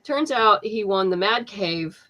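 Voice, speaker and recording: This medium-pitched woman has lively intonation and a sharp tone, speaking unhurriedly as a comic book writer being interviewed. Her talk is chatty, with frequent fillers and restarts, and she laughs readily.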